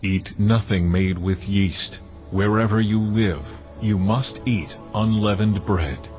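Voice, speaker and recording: A man playing God in a dramatized audio Bible, solemn and authoritative as he delivers measured commands. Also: fairly low pitch, a little mellow. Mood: solemn, commanding. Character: God, solemn commanding male deity giving laws. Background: music.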